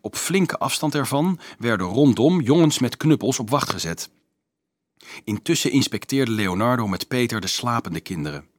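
A man reading a children's novel aloud as an audiobook narrator, in a steady storytelling manner. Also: mid-range voice, no echo, clean studio sound. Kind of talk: scripted narration.

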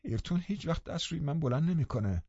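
A man voicing a sickly, self-pitying teenage boy who whines and complains softly. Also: fairly high pitch, animated, slightly rough, no echo, lo-fi sound, pitched above the performer's own voice. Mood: whining. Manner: whiny, complaining, soft.

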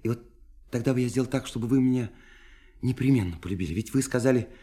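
In a Russian radio play, an actor gives a mid-range, mellow, lightly acted voice to a shy young man in love. He speaks haltingly yet fervently, pleading and self-effacing, with a sad, faltering mood.

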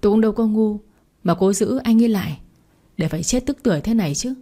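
A woman's voice: medium pitch, lively intonation, fast, dark tone, pitched above the performer's own voice. A woman voicing a frightened young woman who pleads urgently. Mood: pleading.

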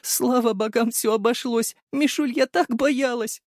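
A man reading an audiobook, voicing a loving mother just after childbirth who speaks high, tender and close to sobbing. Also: measured pace, dry recording. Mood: tearful. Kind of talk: audiobook character voice.

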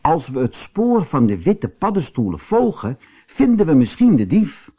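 Man playing brave young boy, excited, high, lively, storybook. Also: moderate pace, slightly rough, heavily acted. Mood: eager.

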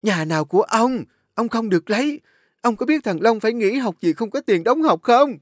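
A man voicing a desperate middle-aged mother who is fierce and tearful, with a high shrill pleading voice. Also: expressive, moderate pace, slightly rough, no echo, studio quality. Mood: furious.

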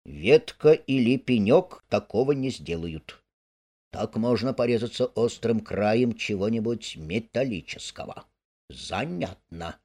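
A man voicing an excitable, bossy male water rat in a storybook reading. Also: on the low side. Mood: thoughtful. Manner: brisk, impatient, bossy.

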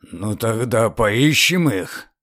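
A man voicing a frightened, secretive old gentleman who speaks slowly in a trembling, pleading way. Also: fairly low pitch, lively intonation, no room sound, studio quality, full character voice. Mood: anxious.

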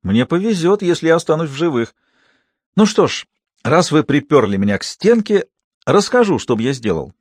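A man voicing a calm, witty young man who answers with unruffled irony. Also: on the high side, moderate pace, no echo, voice pushed up. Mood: composed. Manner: unruffled, dry ironic. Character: calm witty young male lawyer-actor.

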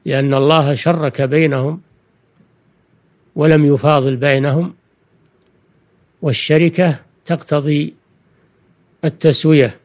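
An older man, a religious scholar, giving a Quranic lesson in formal Standard Arabic, deliberate and didactic, repeating key phrases. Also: on the high side, steady tone, a little mellow. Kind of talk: Quranic exegesis lecture for listeners.

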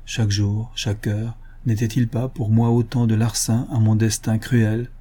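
A man narrating a classic novel in a measured, expressive first-person reading. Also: on the low side, breathy edge. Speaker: audiobook narrator. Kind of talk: literary audiobook narration.

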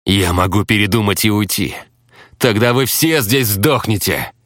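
A man voicing an angry, cornered male hunter in a game world who shouts bitter threats. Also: lowish voice, moderate pace, dry recording, clean studio sound, pitched above the performer's own voice, natural voice. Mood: defiant.

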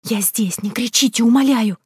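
A woman's voice: fairly high pitch, normal speed, breathy edge, dry recording, clean studio sound, voice pushed up. A woman voicing a frightened teenage schoolgirl who pleads in tearful whispers.

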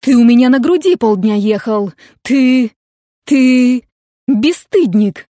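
A woman voicing a hot-tempered, blunt young woman in an audiobook, shouting indignantly. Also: fairly high pitch, expressive, takes it slowly, dry recording, clean studio sound. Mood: furious.

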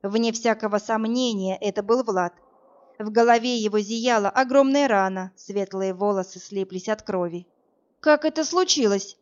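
A woman's voice: mid-range voice, moderate pace, a little mellow, dull audio. A woman narrating a first-person audiobook in a tense storytelling manner.

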